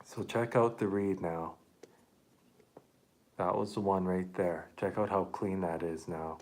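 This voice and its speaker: A man live-streaming an accordion repair, chatting casually and haltingly to viewers while he works with his hands. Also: deep voice, steady tone, a little mellow.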